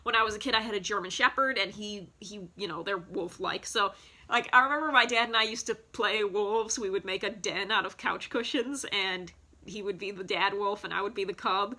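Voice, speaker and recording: A woman's voice: mid-range voice, moderate pace, bright, forceful tone. A woman in her thirties chatting casually about childhood keepsakes, rambling with lots of fillers and restarts, recorded on a phone in a home basement. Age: 30s. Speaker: vlogger. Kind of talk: casual nostalgic show-and-tell.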